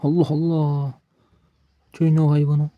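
A man's voice: on the high side, level tone, a little slow, no echo, dull audio. Frustrated man grumbling over a mobile game. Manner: frustrated, swearing at the game, talking to himself. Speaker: gaming streamer. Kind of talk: casual gameplay commentary.

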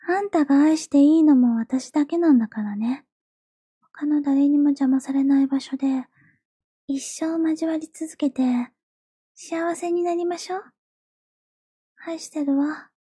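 High, sweet, eerily obsessive yandere girlfriend. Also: dark tone, no echo, clean studio sound. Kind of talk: Japanese audio role-play, intimate ASMR girlfriend drama.

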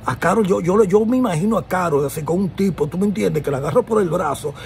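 Flamboyant gossip host, high gravelly. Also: male voice, fast, darkish tone, a little hiss or hum. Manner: flamboyant, theatrical, addresses the audience directly. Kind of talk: celebrity gossip commentary.

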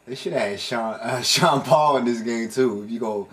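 A man's voice: mid-range voice, normal speed, fairly bright tone. A man giving casual, laid-back, profane commentary while playing a video game. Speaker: gamer. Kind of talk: casual let's play commentary.

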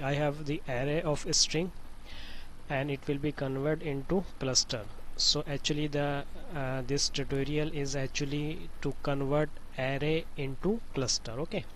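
Slow-talking man. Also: on the high side, flat delivery, fairly bright tone, slight background noise, poor audio. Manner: halting and repetitive, non-native phrasing. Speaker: tutorial presenter. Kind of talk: informal software tutorial.

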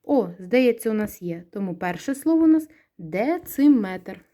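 A woman's voice: mid-range voice, expressive, normal speed, warm tone. A woman teacher with a Ukrainian accent giving a recorded grammar lesson to young pupils, patiently asking questions and answering them herself. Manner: patient, asks questions and answers them herself, stretches words to stress syllables. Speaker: primary school teacher.

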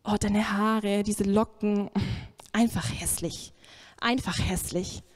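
A woman's voice: medium pitch, fairly even intonation, slow, close to an everyday voice. A woman voicing a sneering male devil who taunts a girl with cruel lies, in a mocking tone. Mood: taunting.

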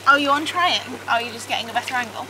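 A woman's voice: on the high side, fast, noisy background. Chatty self-mocking young woman vlogging. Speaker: vlogger, mum. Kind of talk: casual chat. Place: in a garden hot tub, outdoors.

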